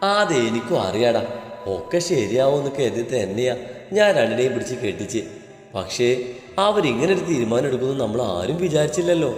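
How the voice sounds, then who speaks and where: A man voicing a frail, shrewd old grandmother in a storybook, talking soft and slow, with echo, long reverb and faint music. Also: medium pitch, big pitch swings, pitched below the performer's own voice, close to an everyday voice. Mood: wry. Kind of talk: storybook narration.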